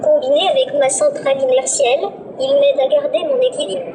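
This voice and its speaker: A synthesized female voice speaking as a small humanoid demo robot, with an even, politely scripted text-to-speech delivery. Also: high voice, a little fast, noisy background. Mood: chipper. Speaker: demonstration robot presenting itself.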